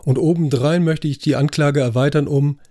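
A man's voice: on the high side, steady tone, moderate pace, dark tone, no echo, clean studio sound, pitched above the performer's own voice, lightly acted. A man voicing a driven prosecutor in an audiobook, firm and authoritative. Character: commanding, driven male prosecutor.

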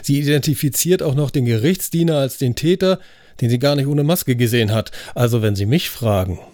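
Man doing grumpy doubting cop, blunt, mellow low-key voice. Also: brisk, dry recording, clean studio sound, natural voice. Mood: skeptical. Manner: grumbling, blunt. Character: gruff, skeptical middle-aged male detective.

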